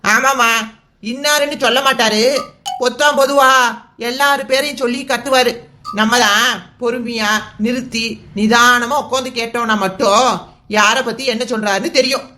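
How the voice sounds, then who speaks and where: A woman's voice: a little high, fairly even intonation, moderate pace, long pauses, sharp tone. A woman voicing a fussy grey-haired village man in a cartoon serial, grumbling and flustered in rural banter. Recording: music bed under voice.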